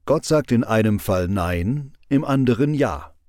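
A man giving a calm devotional sermon with a measured, instructive delivery. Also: mid-range voice, no room sound, clean studio sound. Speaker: preacher.

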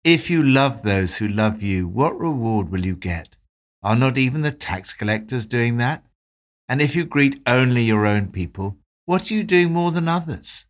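A man giving a devotional talk, reading Bible passages and reflecting on them in a calm, measured way. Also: mid-range voice. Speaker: devotional presenter.

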